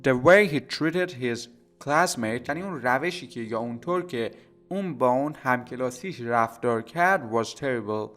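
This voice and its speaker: A man's voice: medium pitch, lively intonation, fairly bright tone, soft background music. Man teaching vocabulary. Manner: slow careful English examples between quick explanations. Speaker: English teacher. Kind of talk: vocabulary lesson with translation.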